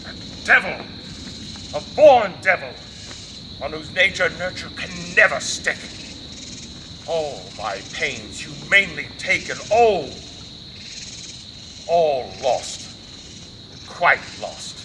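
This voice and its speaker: Man playing a high-pitched, declaiming vengeful sorcerer. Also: big pitch swings, slow, long pauses. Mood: bitter, vengeful. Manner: stagey, declaiming in archaic English. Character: commanding, vengeful male sorcerer with spirit servant. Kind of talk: live stage performance of Shakespeare. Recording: noisy live outdoor stage recording.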